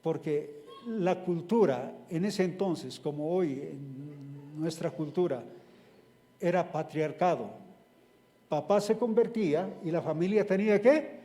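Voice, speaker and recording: Slow, high-pitched male preacher who walks through a scripture story and explains it, heard in a reverberant hall. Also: mellow. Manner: retells a scripture story step by step, then explains it. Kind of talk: sermon.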